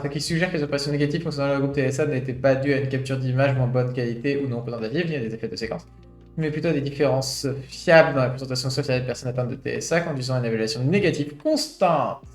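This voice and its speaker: On a stream, a late-twenties man reads through a study and breaks in with reflective thoughts full of fillers. He speaks quickly at a medium pitch. Faint guitar music plays in a roomy, echoing space.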